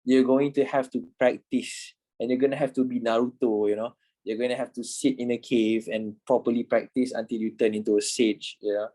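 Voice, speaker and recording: A man's voice: mid-range voice, steady tone, a little fast, mellow, rough recording. A man in his twenties, a trading instructor talking informally in an online class, repeating himself and swearing casually. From Malaysia. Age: 20s.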